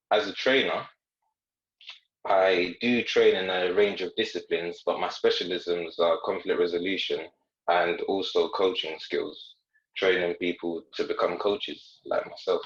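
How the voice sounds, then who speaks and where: A man guest on a podcast talks in a chatty, joking, self-deprecating way. His voice is on the low side, and the recording is echoey and dull, as if from a room over a remote connection. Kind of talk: podcast conversation.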